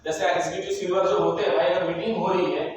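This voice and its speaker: A man's voice: high-pitched, little pitch movement, fast talker. A man leading an interactive sales training seminar, talking emphatically and firing questions at his audience. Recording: echoey hall, voice from far off, faint noise.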